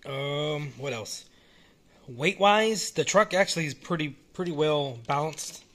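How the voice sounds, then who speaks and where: A man casually talking through a hobby model car while filming it one-handed at home, relaxed and rambling with frequent restarts. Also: fairly high pitch, a little slow. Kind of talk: casual off-the-cuff vlog. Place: small indoor room at home.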